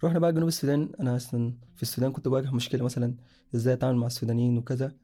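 A man's voice: medium pitch, fairly even intonation, racing, mellow. A young man from Sudan, casually telling his own story in a rambling way, often correcting himself mid-sentence. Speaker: guest sharing a personal story.

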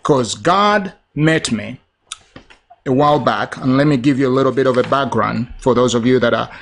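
A man's voice: medium pitch, normal speed, creaky, fairly bright tone, slight background noise. A middle-aged man from Uganda hosting a broadcast, preaching a sermon in an earnest, repetitive cadence. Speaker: preacher and TV host.

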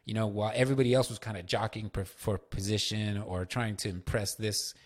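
A man's voice: fairly low pitch, steady tone, brisk. A man hosting a solo podcast, telling loose, profane stories with lots of fillers. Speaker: podcast host.

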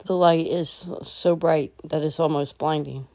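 A woman's dark, mellow voice, low and soft at the edges, guides listeners through a meditation. She unhurriedly offers each instruction with gentle calm.

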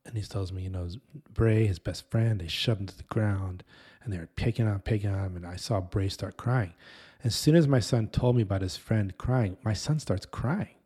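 Husky-voiced pastor, animated storytelling. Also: male voice, lowish voice, moderate pace. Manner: animated, rambling, self-interrupting. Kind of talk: casual sermon storytelling.

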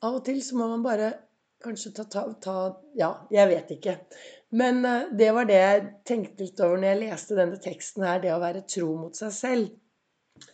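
A woman hosting a motivational podcast, a little hoarse from a cold, telling stories and asking her listeners reflective questions. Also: mid-range voice, mellow. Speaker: podcast host.

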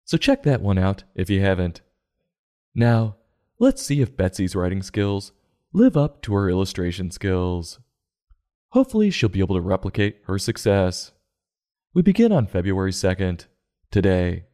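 A man's voice: sits low, big pitch swings, normal speed, warm tone. A man hosting a comedic review show, narrating and commenting in an irreverent, sarcastic, profane way.

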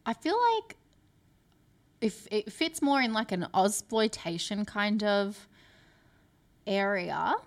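A woman's voice: medium pitch, takes it slowly, pauses often. A woman co-hosting a podcast in casual chat, skeptical and teasing, with casual swearing. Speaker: podcast co-host.

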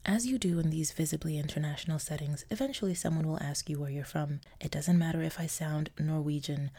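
Speaking a little fast, a Nigerian woman who hosts her own podcast delivers a scripted story in a low, mellow, somewhat gravelly voice. There's a wry, sardonic tone to it, with theatrical emphasis and occasional soft laughs.

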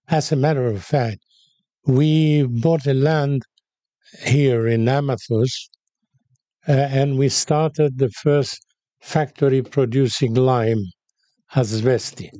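An older man from Cyprus, born in Haifa, interviewed as a guest, telling his story in an unhurried, reflective way. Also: mid-range voice, fairly even intonation, dark tone, dry recording. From born in Haifa, raised in Cyprus. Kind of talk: interview conversation.

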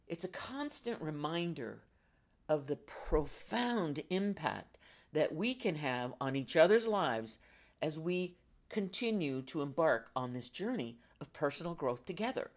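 An older woman hosting a motivational podcast in deliberate, emphatic phrases that swell and fall away dramatically. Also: low voice. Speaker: motivational podcast host and coach.

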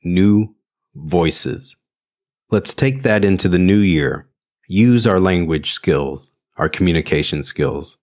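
A man hosting a solo podcast, speaking in an earnest, deliberate way with emphatic phrasing, as in a prepared talk. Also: low voice. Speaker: podcast host, interpreter.

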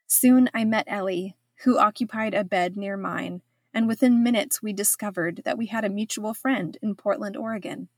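A woman's voice: medium pitch, no room sound, studio quality. Woman narrating a memoir, wry and reflective. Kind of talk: scripted first-person narration.

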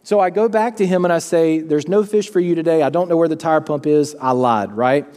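Earnest pastor in an echoing hall. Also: male voice, on the high side, brisk. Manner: storytelling, earnest and animated. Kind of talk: sermon. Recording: long reverb of a large hall.

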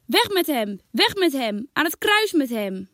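A woman voicing an angry, shouting crowd in a dramatized scripture reading. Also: high-pitched, very animated, unhurried, no room sound, clean studio sound, pitched above the performer's own voice, exaggerated voice. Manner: loud, shouting.

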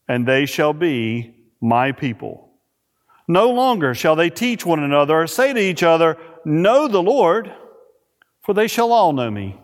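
A pastor preaching a sermon at a pulpit microphone in a church, reading scripture and praying in a measured, emphatic way. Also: male voice, on the high side. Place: church sanctuary. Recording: reverberant church hall.

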